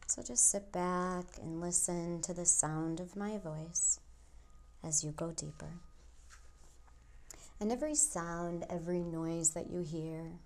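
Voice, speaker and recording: A woman hypnotist leads a guided relaxation in a soft, hushed voice that sits a little low. She speaks very slowly, leaving long soothing pauses between short phrases, at times close to a whisper. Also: slight background noise. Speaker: hypnotist guiding a relaxation session.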